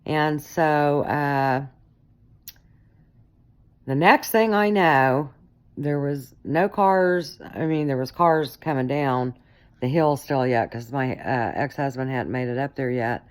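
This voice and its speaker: Very low-voiced woman telling a story slowly. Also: smooth. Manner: rambling, self-correcting, many fillers. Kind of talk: casual personal story.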